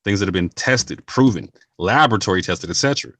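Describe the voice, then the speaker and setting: Low-voiced earnest man vlogging. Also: animated, a little fast, a bit bright, no echo. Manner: earnest, slangy, repeats and restarts phrases. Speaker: channel host. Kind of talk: casual talk to camera.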